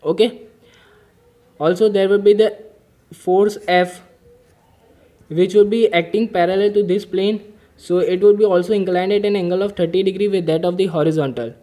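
A man's voice: high voice, fairly even intonation, normal speed, pauses often, mellow. A man explaining an engineering mechanics problem step by step while drawing diagrams, methodical and patient. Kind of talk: whiteboard-style problem-solving lesson.

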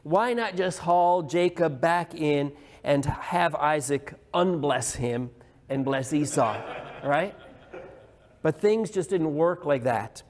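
A man's voice: a little high, slow. A male pastor preaching a sermon, retelling a story earnestly with small restarts. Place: church hall. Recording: long hall reverb.

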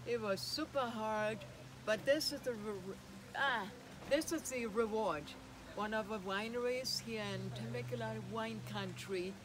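A woman's voice: fairly high pitch, unhurried, noisy background. A middle-aged woman chatting casually in an outdoor vlog, recorded on a phone at arm's length. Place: outdoors in gardens and vineyards.

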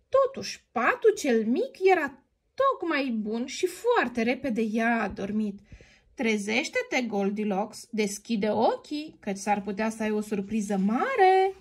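A woman reads a children's storybook aloud with a bright, sing-song lilt. Her pitch rises and falls widely, and it sits a little above average. She plays along with the tale and talks to its heroine directly. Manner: expressive, sing-song, playfully addressing the heroine.

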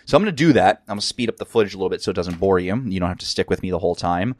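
A man's voice: low-pitched, lively intonation, racing, no echo. A man with a scratchy voice hosting a casual crafting tutorial, enthusiastic and rambling with lots of fillers, from a craft room at home. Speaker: crafting channel host.

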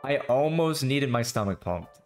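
Hungover man rambling on a podcast. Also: mid-range voice. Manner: rambling, profane, restarts often. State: hungover, slurring words. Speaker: podcast host. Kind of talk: casual chat.

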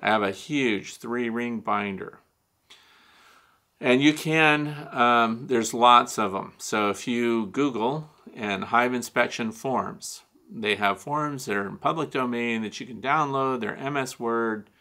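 Gravelly older man hosting a beekeeping show. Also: medium pitch, slow, sharp tone. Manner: conversational, frequent "uh" fillers, wry asides. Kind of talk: casual advice talk to camera. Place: small home studio with shelves and neon sign.

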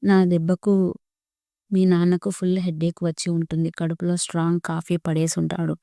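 A woman reading a romantic story aloud as narrator, speaking all the characters' lines in a steady, even reading voice. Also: fairly low pitch, a little fast, gravelly, no room sound, studio quality.

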